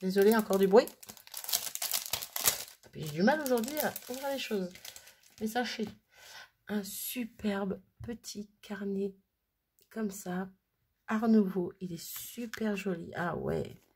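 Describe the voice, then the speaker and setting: A woman's voice: medium pitch, slow, pauses often, darkish tone, a little hiss or hum. A woman chatting casually as a crafting vlogger, gushing and often stumbling over her words. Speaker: crafting vlogger showing mail she received. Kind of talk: casual chat.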